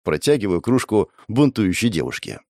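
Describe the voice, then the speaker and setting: A man's voice: on the low side, sing-song, moderate pace, gravelly, a little mellow, no room sound. A man narrating an audiobook in the first person, with a dry, grumbling, wry delivery.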